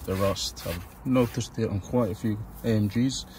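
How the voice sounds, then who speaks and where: Guy with a lowish voice chatting while he fixes up his car, relaxed and easygoing. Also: normal speed, noisy background. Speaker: car vlogger. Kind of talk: casual DIY vlog narration.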